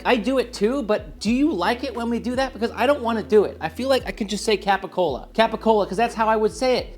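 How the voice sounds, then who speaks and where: A man hosting a casual cooking tutorial, upbeat and joking, talking straight to his viewers. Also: a little high. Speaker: cooking show host.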